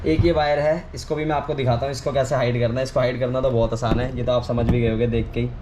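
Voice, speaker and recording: Here a man explains a hands-on task in a relaxed tutorial, delivering it fast and flat at medium pitch. As a video creator, he breaks things into steps and keeps restating himself, all over a clearly noisy ambient backdrop.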